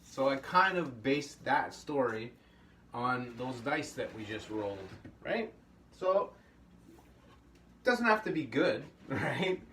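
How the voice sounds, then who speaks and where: At a table in an indoor studio, a middle-aged man runs a relaxed puppetry workshop, easygoing and encouraging and prone to rambling. His mid-range voice is sing-song, slow and fairly bright. The mic sits slightly distant, with a faint room hum.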